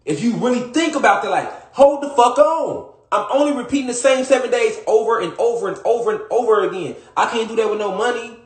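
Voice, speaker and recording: A social media commentator talks directly to his listeners in a casual, emphatic, profane monologue, hammering the same points repeatedly. His voice sits high and he speaks quickly with hardly any pauses, in an echoey room.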